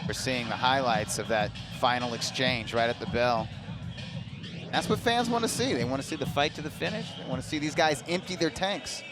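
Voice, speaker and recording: A man's voice: medium pitch, moderate pace, over music. A man giving live boxing analysis as a commentator.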